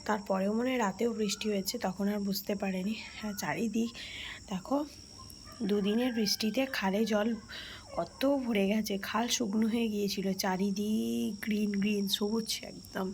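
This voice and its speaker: A young woman with a Bengali accent, chatting casually to her viewers in a daily vlog and speaking softly and hushed in the early morning. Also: mid-range voice, steady tone, normal speed, creaky. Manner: chatty, addresses viewers directly. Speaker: vlogger. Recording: faint background noise, crickets.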